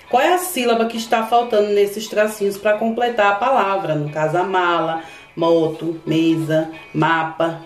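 A woman with a Brazilian Portuguese accent, teaching kindergarten children in an online lesson. She asks patient, sing-song questions and spells words out slowly. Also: mid-range voice, reverberant. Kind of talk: slow, clear online lesson for young children.

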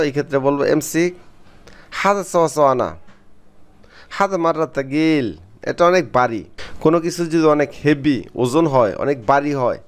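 Clear-voiced man teaching a phrasebook lesson. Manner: repeats each phrase, then explains it word by word; says the foreign phrases louder and higher. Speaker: language teacher.

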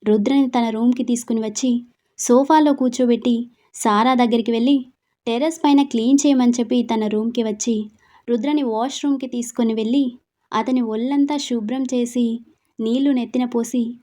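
Woman reading a romance story out loud, steady and expressive, fairly high voice. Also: normal speed. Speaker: story narrator. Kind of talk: storybook narration.

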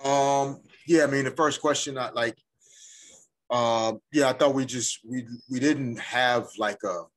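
A middle-aged man, a head coach, answers postgame press questions in a measured, thoughtful way. He often pauses to find his words, and he is recorded on a desk microphone in an indoor press room. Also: medium pitch. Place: indoor press room before a sponsor backdrop. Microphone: desk microphone in front of him.

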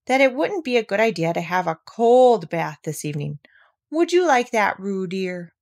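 Woman doing a motherly kangaroo, storybook character, nannyish, firm yet soothing, lively singsong, raised pitch. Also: a little slow. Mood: cheerful, soothing.

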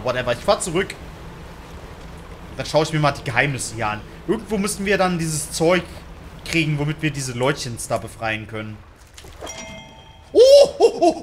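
A young man chatting casually through a game as a YouTuber, slangy, joking and reacting loudly. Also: medium pitch, a little hiss or hum. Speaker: gaming YouTuber. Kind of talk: casual let's-play commentary.

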